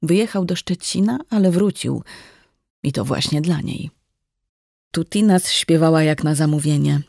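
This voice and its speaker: A narrator reading a novel aloud at an even, measured pace. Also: mid-range voice, gravelly, no room sound, clean studio sound. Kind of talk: scripted audiobook narration.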